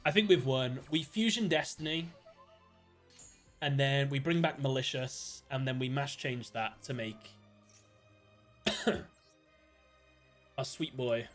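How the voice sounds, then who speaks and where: A British man chatting casually while streaming a card game, thinking aloud, greeting viewers and breaking into sudden excited outbursts. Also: mid-range voice, slow, pauses often, faint music behind. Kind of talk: casual live-stream gameplay commentary.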